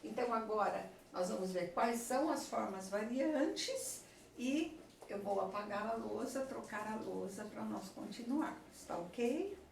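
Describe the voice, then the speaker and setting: Slow-talking woman teacher. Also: medium pitch, animated, gravelly. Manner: slow, explanatory, checks in with the class often. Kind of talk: classroom lecture. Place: classroom with a chalkboard. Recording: echoey room, voice from far off, faint noise.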